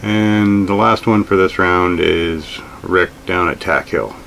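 Gravelly low-voiced man, slow and plain-spoken. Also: slight background noise, poor audio. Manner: relaxed, plain-spoken, with frequent fillers. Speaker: outdoors vlogger. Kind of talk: casual gear talk to camera. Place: small indoor room with shelves of gear.

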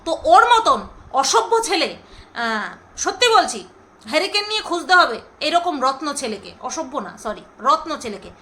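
A woman's voice: high voice, big pitch swings, normal speed, pushed and bright. A middle-aged woman vlogger delivering an angry, sarcastic rant straight to camera, scolding and repeating her phrases for emphasis. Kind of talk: angry ranting monologue to camera.

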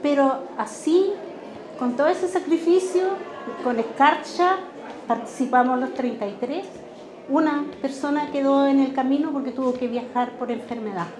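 An older woman, president of a retirees' craft workshop, giving an earnest, grateful news interview at an indoor exhibition. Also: sits high. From Chile. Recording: roomy hall with crowd chatter.

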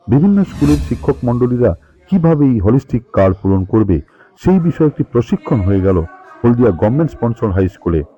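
Mellow male news voice-over. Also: mid-range voice. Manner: steady read-out narration. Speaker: news reporter. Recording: dull lo-fi voice-over with music under it.

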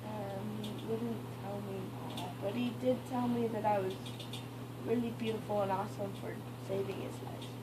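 A woman's voice: mid-range voice, steady tone, moderate pace. A young woman, groggy and loopy from anesthesia, rambling in an earnest, boastful, childlike way in casual chat. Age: young adult. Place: hospital recovery room. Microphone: handheld phone a few steps away. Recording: noisy room, phone camera.

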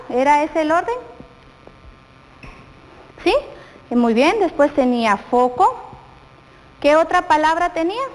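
A woman's voice: sits high, long reverb tail, poor audio. A woman with a Guatemalan accent teaching a televised lesson, often asking her young viewers questions.

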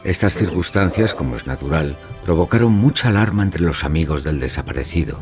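Narrating a mystery audio drama theatrically, this actor voices a pompous, self-assured male storyteller, grave and knowing. His voice is deep, brisk and lively in intonation, and music plays under it.

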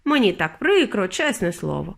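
A woman voicing an eccentric male candy maker who sighs and sounds apologetic, pitched lower than her narration. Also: big pitch swings, moderate pace, gravelly. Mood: rueful.

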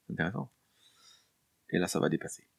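Speaking low and a little gravelly, with lively intonation and a slightly fast pace, a French composer explains his work from home in lockdown. His screen-share tutorial vlog is informal and chatty, peppered with fillers, restarts and light jokes aimed at the viewer. The sound is close-miked and dry, without any room around it.

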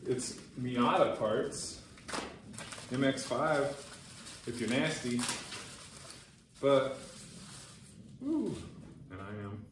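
A man's voice: medium pitch, extremely slow, long pauses, far from the mic, noisy background. Chatty man in an echoey garage. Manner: chatty, excitable, jokey, thinks aloud. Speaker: car enthusiast vlogger. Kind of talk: casual unboxing commentary. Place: home garage. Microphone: camera mic from across the room. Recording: roomy garage echo from off-mic.

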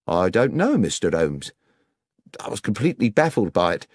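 A man's voice: on the low side, big pitch swings, moderate pace, a little mellow, slightly rough, dry recording, clean studio sound. A man voicing an eager, baffled police inspector who speaks respectfully.

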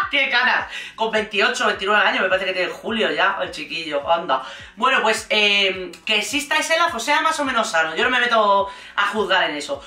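A woman's voice: medium pitch, reverberant, recorded from a distance. A woman from giving casual, sarcastic commentary on a reality show. She acts out the people she quotes as she talks. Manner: sarcastic and expressive, mimics people in quoted voices.

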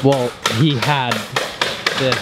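A young man chatting casually and excitedly as he films a prank vlog outdoors on a handheld camera. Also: medium pitch, slow pace, very noisy. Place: outdoors in a backyard by a pool. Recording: loud music over the voice.

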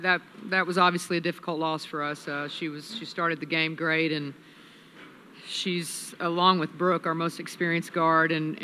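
Woman coach, bright steady voice. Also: low voice, slight background noise. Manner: measured, analytical, many restarts. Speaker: head coach. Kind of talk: postgame press conference. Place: press room with sponsor backdrop. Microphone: table mic on a stand.

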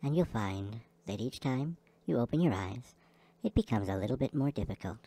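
A man guiding a listener through a slow, soothing hypnosis session. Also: mid-range voice, animated, mellow. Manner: slow, soothing, repetitive delivery. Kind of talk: guided hypnosis script.

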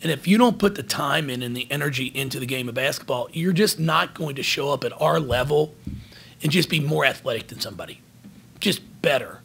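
A man in his forties, a basketball head coach, answering questions at a post-game press conference from behind a table microphone, earnest and halting, often restarting his words. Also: medium pitch, expressive, vocal fry, a bit bright, slightly rough. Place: press room in front of a team backdrop. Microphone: table microphone in front of him.

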